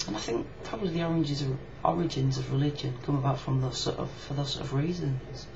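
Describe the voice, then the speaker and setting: A Yorkshire-accented video blogger answers in a personal video at a quick pace, her bass voice holding a steady tone. Her talk is casual, frank and reflective, captured indoors on muffled, lo-fi webcam audio with clear background noise.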